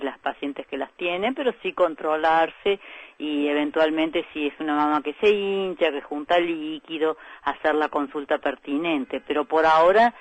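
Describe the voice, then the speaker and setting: A woman doctor with an Argentine accent, calmly explaining medical points as a guest in a radio interview, with frequent hesitation fillers. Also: low-pitched, no echo, poor audio. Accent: Argentine Spanish. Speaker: breast specialist doctor, guest.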